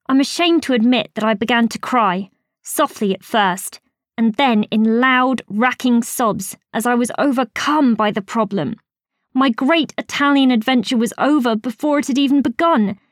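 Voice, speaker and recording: Expressive woman narrating a personal story. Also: no room sound, studio quality. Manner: expressive, rising high on surprise and excitement. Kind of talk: scripted first-person narration.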